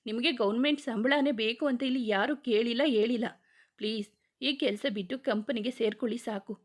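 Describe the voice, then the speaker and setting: A woman's voice: fairly high pitch, moderate pace, lightly acted. A woman reading the part of a worried young wife who pleads and argues emotionally. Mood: pleading.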